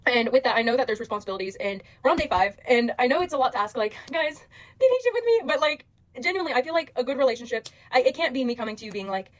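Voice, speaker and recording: A woman's voice: fairly high pitch, rapid-fire. A young woman casually addressing her followers as a social media creator, rambling and gushing with lots of fillers.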